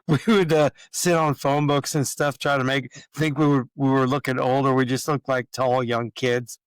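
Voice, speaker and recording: A man from Jamaica, a yacht captain, talking as a guest in a relaxed, hesitant way with many fillers. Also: medium pitch, moderate pace, clean tone, no room sound. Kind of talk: casual interview chat.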